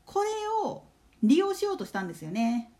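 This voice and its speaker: A woman's voice: on the high side, very animated, fairly quick, warm tone. A woman hosting a casual solo talk show, chatting and putting rhetorical questions to her listeners. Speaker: solo radio talk host.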